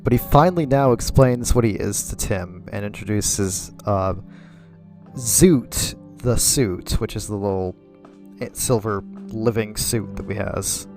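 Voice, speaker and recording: A laid-back co-host in a casual movie podcast, trading dry jokes and swearing with easy laughter. The voice sits at a middle pitch. Faint music runs underneath. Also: a little slow, darkish tone. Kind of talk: casual movie recap chat.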